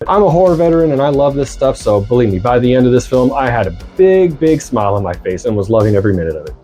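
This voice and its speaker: A man's voice: medium pitch, big pitch swings, fast, dark tone, soft background music. A man in his mid-forties giving a scripted film review with earnest enthusiasm and wry asides. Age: 40s.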